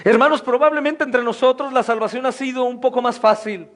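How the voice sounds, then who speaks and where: Guy preaching a sermon, pretty high voice, fervent, keeps saying brothers. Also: steady tone, brisk, fairly bright tone. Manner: fervent preaching, often addressing the congregation as brothers. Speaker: pastor.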